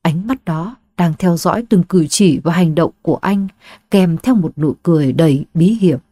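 A woman storyteller giving steady, dramatic scripted audiobook narration. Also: lowish voice, normal speed, no echo, clean studio sound.

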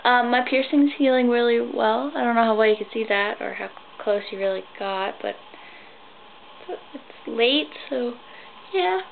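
A sixteen-year-old girl vlogging at night in her bedroom, rambling and tired, with sudden squeals of excitement. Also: fairly high pitch, a little slow, gravelly. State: tired, sleepy. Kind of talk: rambling casual vlog. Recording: tinny phone-like sound, faint hiss.

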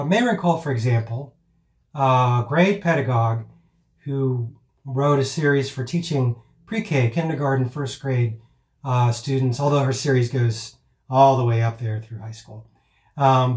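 A man's voice: mid-range voice, a little mellow. Man teaching in an echoey room. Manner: rambling, with many fillers and restarts; chants counts and rhythm words aloud as demonstrations. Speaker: piano teacher. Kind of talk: informal teaching talk. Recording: roomy echo.

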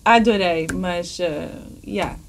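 A woman in her thirties from Canada, a guest in a small podcast studio, chatting in a halting way, often searching for words and letting phrases trail off softly. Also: lowish voice, slight background noise. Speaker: guest musician. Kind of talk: casual interview chat.

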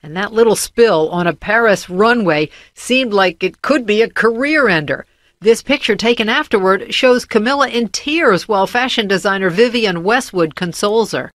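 A woman's voice: mid-range voice, expressive, normal speed, a bit bright, no echo, studio quality. An American woman narrating a scripted television news report.

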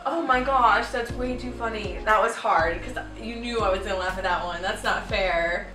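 A young woman chatting casually as co-host of a couple's vlog, excitable and gushing. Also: medium pitch, moderate pace, over music. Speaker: vlogger's wife and co-host. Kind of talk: casual chat. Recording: echoey room, mic at a distance.

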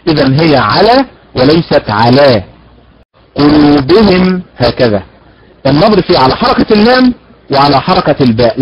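A man giving a recorded lecture on recitation, slowly demonstrating word stress, then explaining briskly and answering his own rhetorical questions. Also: on the high side. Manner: asks rhetorical questions and answers them himself. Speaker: teacher of Quranic recitation. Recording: dull lo-fi recording.

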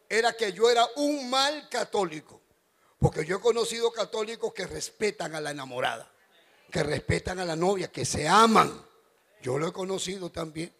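A middle-aged man, a pastor preaching a joking wedding sermon as an animated storyteller who bursts into shouts. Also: sits high. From Ecuador.

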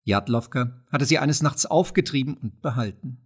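A man narrating a classic novel as an audiobook, in a measured way, dropping low and soft at the narration tags. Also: husky.

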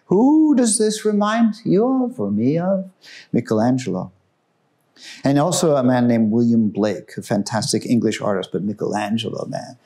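Indoors in a museum gallery room, a male guide presents artworks with informal enthusiasm, dropping to a hushed, solemn voice for the tragic pieces. He speaks at a moderate pace in a medium pitch that swings widely.

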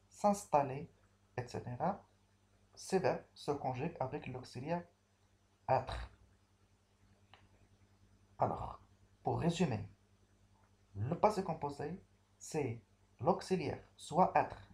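A man giving a grammar lesson, explaining slowly step by step and spelling out word endings, with occasional hesitations. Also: a little high, a little mellow. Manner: slow and deliberate, spelling out endings with fillers. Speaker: French teacher.

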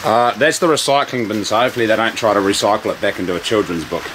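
A man's voice: lowish voice, fast talker. A man in his thirties with a New Zealand accent, vlogging to camera outdoors in a blunt, joking way. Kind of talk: casual outdoor vlog. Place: outdoors in the rain, by a house. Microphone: handheld camera close to face. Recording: outdoor recording with loud rain noise. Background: rain.

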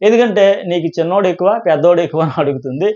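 A man's voice: on the high side, lively intonation, very fast, dark tone. A man giving a rambling, casual review of a reality show, with frequent restarts. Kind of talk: casual commentary to camera. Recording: dull lo-fi sound.

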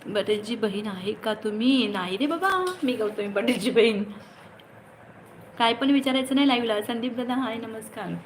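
A woman's voice: on the high side, animated, moderate pace, slight background noise, low-quality recording. Chatty woman on a phone livestream. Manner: greets viewers by name, chatty and teasing. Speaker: livestream host. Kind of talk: casual live chat reading comments.

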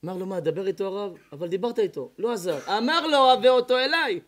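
High-voiced rabbi telling a dramatic story. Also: male voice, very animated. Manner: dramatic, voicing characters in the tales with big swings in loudness. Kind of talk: storytelling sermon. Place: evening lecture before an audience.

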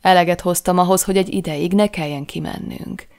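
A man's voice: sits high, steady tone, vocal fry. A woman voicing a young, playful male Scottish husband with a teasing manner in an audiobook reading. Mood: calm. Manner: teasing, quietly amused.

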